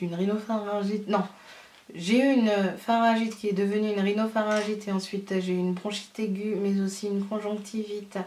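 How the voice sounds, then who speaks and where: A woman's voice: mid-range voice, slight background noise. Young woman, casual beauty haul chat, rambling with laughs, echoey room, distant mic. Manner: chatty, laughing, many fillers. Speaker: beauty vlogger. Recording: roomy sound from a distance.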